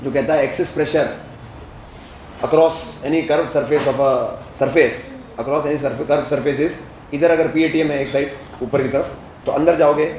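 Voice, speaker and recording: A man's voice: on the high side, a little mellow, echoey room, slight background noise, poor audio. A male physics teacher lecturing at a board, asking the class questions as he works through each step and mixing Hindi with English terms.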